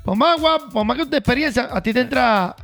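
Very high, gravelly-voiced joking man. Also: animated, brisk, fairly bright tone, soft background music. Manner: joking interjections, teasing. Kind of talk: casual chat.

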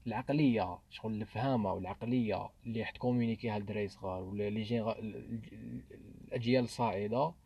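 A man's voice: lowish voice, racing, creaky, hardly any pauses, husky, lo-fi sound. A man with an Algerian accent talking through ideas in a casual podcast discussion, slipping between Arabic and French. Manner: mixes French into Arabic, thinks aloud with restarts.

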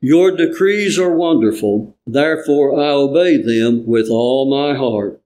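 A man reading scripture in church, formally, with measured and earnest phrasing. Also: medium pitch, noisy background.

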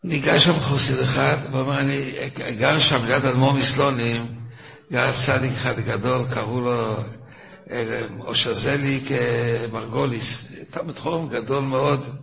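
An older man, a rabbi, giving a weekly lesson as lively storytelling, acting out the people in his stories. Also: medium pitch, vocal fry. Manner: animated, acts out shouting characters in stories.

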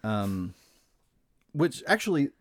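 A man co-hosting a relaxed movie podcast, talking in a loose, rambling way full of ums. His pitch swings widely as he goes, and he laughs easily between points. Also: slow. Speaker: podcast co-host presenting the movie. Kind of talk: casual chat.

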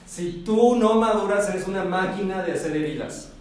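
Man, high voice, playful speaker quizzing the crowd, echoey hall, heard from a distance. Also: moderate pace, darkish tone. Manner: playful, acts out little scenes, asks the audience questions. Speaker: speaker giving a talk on forgiveness. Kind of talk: lively conference talk. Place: large hall before an audience.

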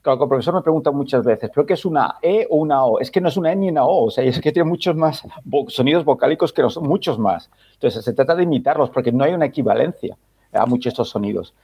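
A man's voice: medium pitch, animated, fast, slightly rough, muffled recording. A man on a football podcast panel, explaining things patiently in casual chat, often ending with tag questions. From Spain. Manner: explains patiently, many filler "no?" tags.

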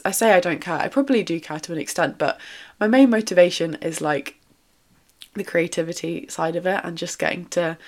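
Chatty woman in her twenties with a lower voice. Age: 20s. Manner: chatty, upbeat, lots of fillers and little laughs. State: lingering cough in the throat. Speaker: podcast host. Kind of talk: casual solo podcast chat.

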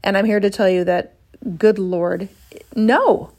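A woman's voice: mid-range voice, a little slow, a little mellow. A woman in her fifties talking straight to her audience about women's health and fitness, blunt and passionate, swearing casually and sighing in exasperation. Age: 50s. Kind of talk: casual monologue to camera.

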